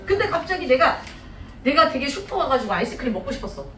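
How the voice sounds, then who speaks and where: A woman's voice: sits high, very animated, fast talker, bright, forceful tone, soft background music. A woman Sunday school teacher giving a playful, chatty Bible lesson to children in a church hall, laughing often. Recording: echoey hall, voice from a distance.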